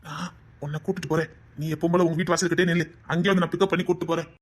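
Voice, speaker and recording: The role is a scheming boyfriend on the phone from a Tamil web drama: a smooth-talking, manipulative young man and greedy blackmailer, voiced by an actor with a Tirunelveli accent. He wheedles insistently in a sweet-talking mood, keeps asking "understand?", and murmurs in a hushed, close tone. The voice is a little high with little pitch movement, racing along.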